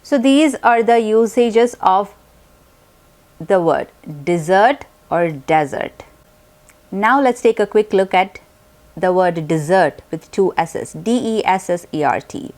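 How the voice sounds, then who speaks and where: A woman's voice: medium pitch, lively intonation, slow pace, darkish tone. A woman teaching an English vocabulary lesson, explaining words carefully with example sentences and spelling them out letter by letter.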